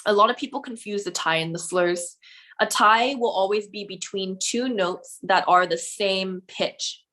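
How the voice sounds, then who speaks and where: A woman's voice: mid-range voice, a little slow, bright, forceful tone. Patient woman teaching piano theory. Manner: patient, explanatory, checks in with "okay?" and "right?". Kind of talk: online music theory lesson.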